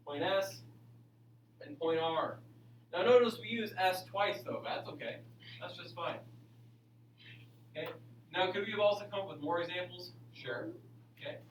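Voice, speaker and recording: A man's voice: sits high, moderate pace, long pauses. A man teaching a school class, repeating himself step by step and urging students along like an aerobics instructor, with frequent okay check-ins. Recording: echoey classroom, distant mic, faint hum.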